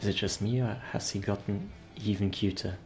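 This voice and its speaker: Lowish male gamer, casual commentary. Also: fairly even intonation, brisk, faint music behind.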